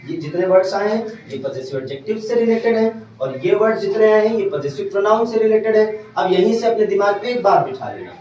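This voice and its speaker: A male teacher gives a classroom grammar lecture in a fairly high voice. He often pauses to ask whether the class is following. The sound is very echoey and distant, as if the mic is across the room. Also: sing-song, darkish tone, a little hiss or hum. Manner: keeps checking if students understood.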